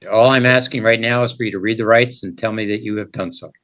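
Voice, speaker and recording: An American man speaking as a judge in a court hearing, explaining rights and procedure in a measured, formal, plain-spoken way. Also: fairly low pitch, steady tone, a bit bright. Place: court hearing held over video call.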